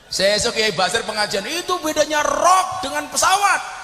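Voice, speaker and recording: A man with a Javanese accent preaching a humorous sermon, telling animated stories and shouting out his punchlines. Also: very high voice, moderate pace. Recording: echoey hall reverb.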